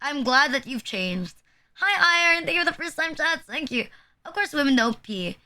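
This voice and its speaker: A woman's voice: sits high, expressive, moderate pace, sharp tone. A young woman streaming live, chatting casually and bluntly, rambling with lots of "like" and crude jokes. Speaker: VTuber streamer.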